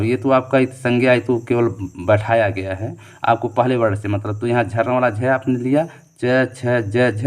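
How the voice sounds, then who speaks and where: A man's voice: mid-range voice, darkish tone. A male teacher running an exam-prep quiz lesson, reading each question and its options aloud, then reasoning his way to the answer and repeating key answers back as a drill, with many fillers and memory tricks along the way. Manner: frequent fillers like "theek hai" and "jo hai"; gives memory tricks and shortcuts.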